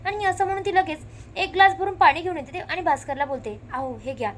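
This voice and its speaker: A woman narrating a recap of a television serial episode, telling the story lively and quoting the characters' lines one after another. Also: very high-pitched, fast, a little hiss or hum.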